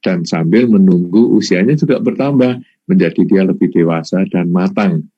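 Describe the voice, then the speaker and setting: A man on an online talk show giving measured advice point by point. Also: low voice, warm tone, slightly rough, no echo, highs cut off. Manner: measured, gives points in numbered order. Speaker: panelist answering audience questions.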